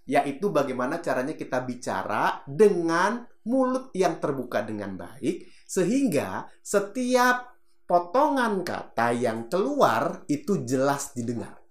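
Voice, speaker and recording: A man who trains public speakers, teaching in a casual, animated way and acting out examples with sound effects. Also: a little high. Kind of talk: casual teaching talk to camera. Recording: roomy echo.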